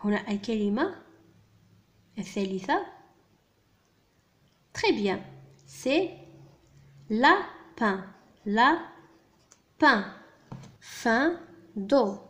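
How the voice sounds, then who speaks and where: A woman gives a primary school French lesson in a fairly high voice. She reads slowly, pronounces each sound with care and spells words out letter by letter. Between lines she rushes through quick translations for the children. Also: lively intonation, a bit bright. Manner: slow, clearly spelled-out teaching, switching to quick translations. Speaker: French teacher.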